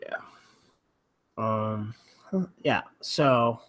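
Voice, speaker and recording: A man's voice: mid-range voice, expressive, drawn-out words, a bit bright. A man hosting a casual chat, rambling with restarts and the odd swear. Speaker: rugby podcast host.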